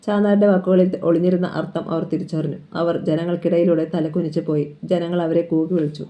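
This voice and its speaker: A narrator giving a dramatic, steady reading of a crime thriller novel. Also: medium pitch, quick pace.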